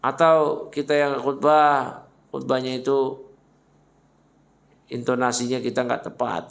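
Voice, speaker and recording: A man gives a religious study lecture with a slightly high, gravelly voice. He talks to his listeners in a chatty, teasing way and addresses them directly, slipping Arabic recitation in among his remarks. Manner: mixes Arabic recitation into Indonesian speech. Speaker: Islamic religious teacher.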